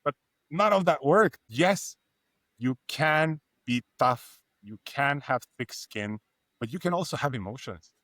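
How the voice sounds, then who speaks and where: A man's voice: on the high side, expressive, a little slow, fairly bright tone, no echo. A middle-aged man from Serbia, speaking as a panelist in an earnest, storytelling way with emphatic repetition. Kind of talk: reflective panel talk.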